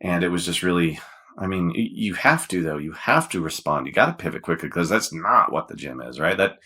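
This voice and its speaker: Deep, husky-voiced male podcast host. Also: lively intonation, fairly quick, pushed and bright. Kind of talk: casual podcast chat.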